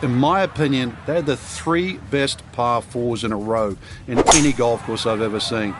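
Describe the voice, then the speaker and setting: A man's voice: mid-range voice, normal speed, very noisy, close to an everyday voice. A man giving golf commentary as the analyst, explaining things in a reflective, conversational way.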